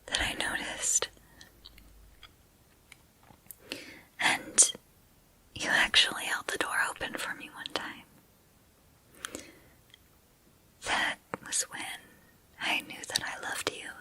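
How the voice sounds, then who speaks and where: A woman in a whispered role-play, voicing an obsessive, lovestruck female student turned captor who confides haltingly in a breathy whisper. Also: sharp tone. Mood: tender, shy. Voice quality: breathy whisper, mostly unvoiced. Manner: hesitant, halting, intimate confiding.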